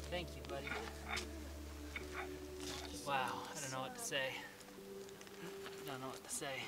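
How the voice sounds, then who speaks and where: Awed man, loud music behind. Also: medium pitch, little pitch movement, unhurried. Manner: breathless, awed, repeats exclamations. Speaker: bowhunter. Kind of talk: excited field chatter. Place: outdoors in open country.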